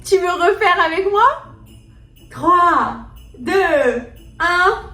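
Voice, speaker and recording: Brief: toddler-video host, a woman with a very high, drawn-out sing-song delivery, in a roomy space with light music under her. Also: animated. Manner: sing-song, gushing exclamations, drawn-out words. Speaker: children's educational host. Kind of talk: slow, exaggerated talk to toddlers. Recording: roomy sound with soft background music.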